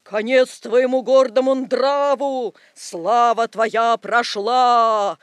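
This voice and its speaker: A man voicing a menacing ghostly Death figure, speaking in a slow, sepulchral wail. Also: extremely high pitch, fairly even intonation, smooth, no echo, clean studio sound, exaggerated voice. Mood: doom-laden.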